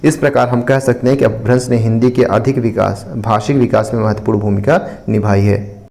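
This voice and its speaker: A man's voice: lowish voice, steady tone, brisk, gravelly, a little mellow. A man, explaining and revising an exam answer in a repetitive teaching manner. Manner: explanatory, repeats points with frequent "ठीक है".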